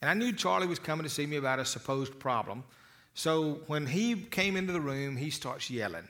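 A man delivers a motivational talk to an audience in a bright, forceful voice pitched slightly high. He tells stories in a folksy way, with lively asides. He often doubles a word as he restarts a phrase. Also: brisk. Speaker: motivational speaker.

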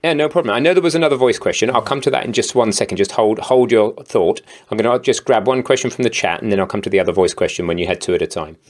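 A man hosting a live question session, moderating in an upbeat, brisk way. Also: on the low side. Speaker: host. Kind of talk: live online Q&A.

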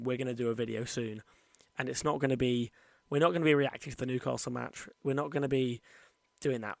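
A creaky-voiced man recorded close and dry, talking through an informal sports podcast. His articulation is slightly affected by the retainers he is wearing, and he offers opinions in a conversational way, often adding "you know". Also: mid-range voice, dry recording. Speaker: podcast host.

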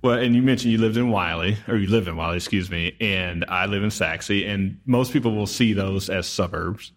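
A man from Texas with a low-pitched voice hosts a community interview. He talks in a chatty, conversational way and readily affirms what the guest says. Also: moderate pace. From Texas, United States. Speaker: interviewer and host.

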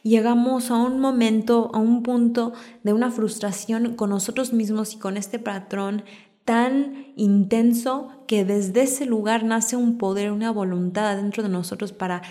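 A woman hosting a podcast, giving a calm, reflective self-help talk that builds through repeated everyday examples. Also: medium pitch, normal speed. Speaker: podcast host.

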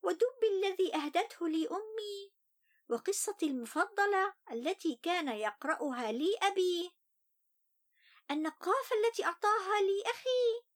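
A woman's voice: extremely high pitch, lively intonation, moderate pace, pitched above the performer's own voice. A woman voicing a sulky, plaintive young boy who feels unloved, in a children's story. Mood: wistful. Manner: plaintive, complaining.

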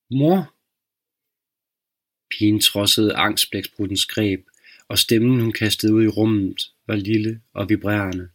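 A man hosting a podcast, reading a dark short story aloud in a slow, measured narration. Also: fairly low pitch. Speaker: podcast host and reader.

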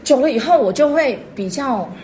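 A young woman telling animated stories as a guest, laughing often as she talks. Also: sits high, moderate pace, echoey room, background noise. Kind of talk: casual chat.

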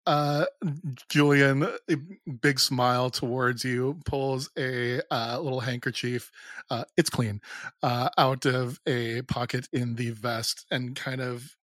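Cast a relaxed male player describing his character, with a mid-pitched voice and dry close sound. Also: slow, no echo. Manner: relaxed, with many fillers. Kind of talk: describing a character at a tabletop game.

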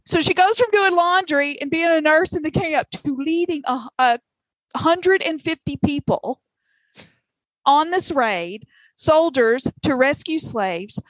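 A woman's voice: high-pitched, a bit bright, dry recording, rough recording. A woman with a Southern US accent, telling a story passionately on a podcast with laughing asides. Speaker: podcast co-host. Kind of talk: casual chat.

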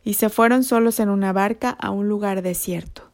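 Woman, children's Bible storyteller, gentle, slips into whispers, mellow warm tone. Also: medium pitch, fairly even intonation, normal speed. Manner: gentle, often dropping to a whisper.

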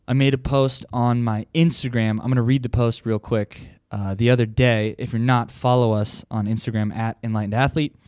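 A man's voice: medium pitch, fairly even intonation, moderate pace, hardly any pauses, a little mellow, clean tone, dry recording, studio quality. Blunt, profane male podcast host. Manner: blunt, profane, conversational, with frequent "like". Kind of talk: casual solo podcast monologue.

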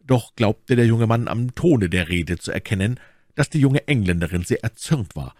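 A man narrating a classic novel as an audiobook with expressive storytelling. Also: fairly low pitch, normal speed, dry recording, clean studio sound. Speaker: audiobook reader.

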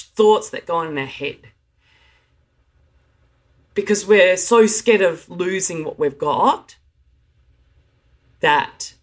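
An adult woman in a heartfelt monologue, earnest and emotional, often stopping and restarting her sentences. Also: mid-range voice. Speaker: speaker sharing her experience of anxiety. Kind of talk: heartfelt direct-to-camera monologue.

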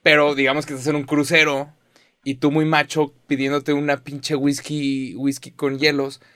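A man hosting a casual podcast chat, animated and full of slang and swearing. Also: fairly high pitch, normal speed, dry recording, clean studio sound.

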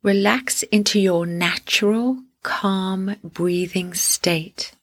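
In a steady, medium-pitched tone, a woman leads a sleep meditation. Her gentle, soothing words come in deliberate phrases with long pauses.

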